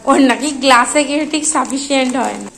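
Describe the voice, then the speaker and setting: A woman from West Bengal, India, talks in a matter-of-fact way as she explains a dish in a home kitchen. Her voice is high. Faint noise hums behind her. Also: brisk, vocal fry, a bit bright. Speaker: family member in a vlog. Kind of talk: casual home chat.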